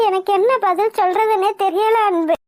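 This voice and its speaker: A piercingly high voice from a performer playing a worried cartoon mother, soothing her daughter in a resigned way. It sounds close and completely dry. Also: fairly even intonation, moderate pace, no echo. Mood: consoling. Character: worried consoling mother, middle-aged.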